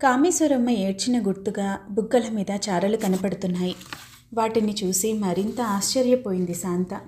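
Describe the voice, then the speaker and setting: A woman narrating a novel as an audiobook, telling the story in a steady, even way. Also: mid-range voice, normal speed.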